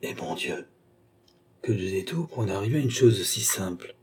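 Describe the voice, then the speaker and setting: A man voicing a haughty, weary older count who answers with calm, disdainful impatience. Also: on the low side, moderate pace, breathy edge.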